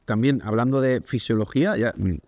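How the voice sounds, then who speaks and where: A man hosting a podcast who speaks in a reflective way and asks questions as he thinks aloud. His voice has a middle pitch, and the dry recording has no room echo. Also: fairly quick, darkish tone. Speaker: podcast host. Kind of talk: casual podcast conversation.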